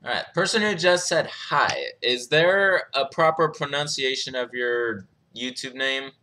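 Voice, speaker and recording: Bright-voiced young man streaming casually. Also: mid-range voice, measured pace, a little hiss or hum. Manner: laid-back, chuckles often, reads chat aloud. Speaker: streamer hosting a live Q&A. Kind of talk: casual live-stream chat.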